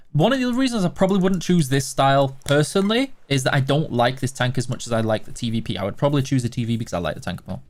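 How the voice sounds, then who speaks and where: A man from Yorkshire, England, with a fairly high voice chats during a live game stream, answering viewer questions one after another. He's casual and self-deprecating, often making jokes at his own expense and humming between answers.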